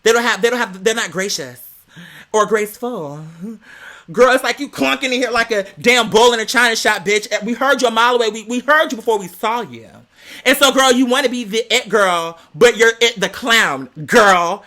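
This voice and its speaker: Telling a personal story on her gossipy vlog, the host uses a mid-range voice at normal speed that sounds pushed and bright. Her delivery is sassy, emphatic and full of slang and "girl," and she performs the quoted lines theatrically.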